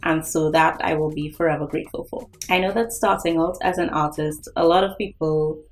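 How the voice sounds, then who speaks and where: Earnest woman vlogging, lowish voice. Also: steady tone, brisk, low-quality recording. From Trinidad and Tobago. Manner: earnest, speaks directly to viewers. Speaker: artist and channel host. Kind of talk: vlog talk to camera.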